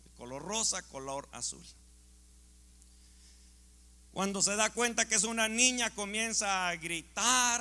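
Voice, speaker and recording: A male pastor delivers an impassioned sermon at a slow, deliberate pace. His voice sits very high, bright and gravelly. A long hall reverb trails every phrase. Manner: impassioned preaching, swings from loud to hushed. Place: church sanctuary.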